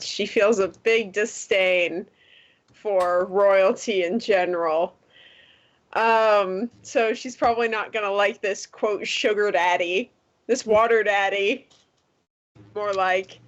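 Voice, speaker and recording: Slow, wry woman on lo-fi mic. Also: medium pitch. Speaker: player. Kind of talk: casual out-of-character chat. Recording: dull lo-fi mic.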